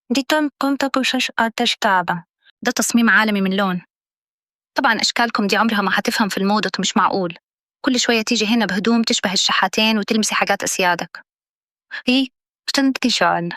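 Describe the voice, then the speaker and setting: Woman as rude dress shop owner, Egyptian accent, fast contemptuous scolding. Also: medium pitch, a bit bright, no echo, studio quality, close to an everyday voice. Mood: scornful. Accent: Egyptian Arabic.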